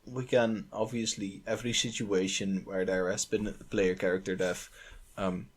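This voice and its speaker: A man's voice: lowish voice, little pitch movement, moderate pace, slightly rough. A man co-hosting a tabletop gaming podcast, talking hesitantly, often stumbling and repeating words. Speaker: podcast co-host and player. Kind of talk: casual podcast chat.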